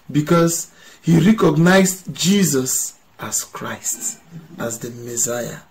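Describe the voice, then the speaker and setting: Slow, deliberate priest giving a homily. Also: male voice, fairly high pitch, a little mellow, rough recording. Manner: slow, deliberate preaching, stressing key phrases. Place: small indoor room.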